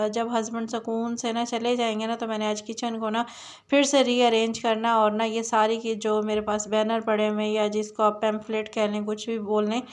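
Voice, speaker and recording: A young adult woman chatting in a rambling way as she narrates her daily home vlog, with many fillers and restarts. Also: on the high side. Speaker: vlogger.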